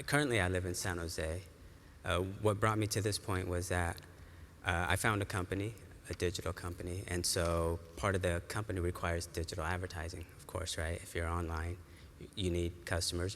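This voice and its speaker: A man's voice: low voice, little pitch movement, brisk, fairly bright tone. A man from East Africa who grew up in California, answering interview questions earnestly with fillers. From East Africa, raised in California. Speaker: student guest. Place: large conference hall. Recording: reverberant hall, faint room noise.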